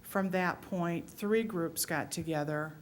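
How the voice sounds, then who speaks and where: During a talk at the public library, a middle-aged woman from the audience slowly recounts her memories, sincere and emotional while staying low and even. A faint hiss or hum runs under the recording.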